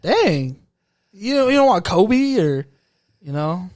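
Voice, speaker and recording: A man's voice: sits high, big pitch swings, slow, a little mellow, no echo, clean studio sound. A young man hosting a casual podcast, teasing his father with laid-back questions. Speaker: podcast host.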